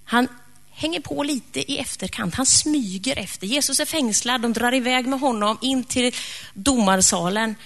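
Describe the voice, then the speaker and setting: A woman preacher retelling a story in a lively, conversational sermon. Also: on the high side.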